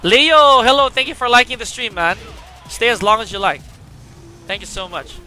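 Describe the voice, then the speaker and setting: A man giving casual live-stream game commentary, chatty and excitable as he greets viewers. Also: very high-pitched, moderate pace, soft background music.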